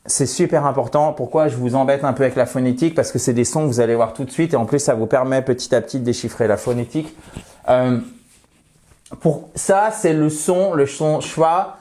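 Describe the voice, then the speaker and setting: A French-speaking man teaching an English grammar lesson, slowly and emphatically repeating example words with playful asides. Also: mid-range voice, dark tone. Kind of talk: lesson explaining grammar and pronunciation.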